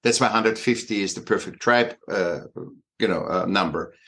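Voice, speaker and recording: A man in his sixties from Austria with an Austrian accent, a guest artist talking in a halting way, full of fillers and restarts. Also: fairly low pitch, fairly bright tone. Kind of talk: conversational interview.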